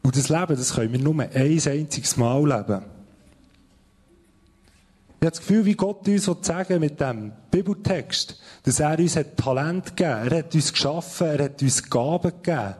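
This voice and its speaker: A Swiss German man preaches in an earnest, conversational way, his voice slightly husky and a touch higher than most men's. He slows right down when he reads from scripture. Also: darkish tone. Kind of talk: sermon with Bible reading.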